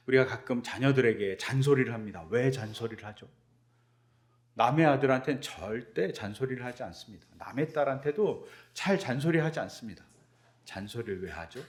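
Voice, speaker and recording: A man preaching a sermon as pastor, asking rhetorical questions and acting out quoted speech. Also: fairly low pitch.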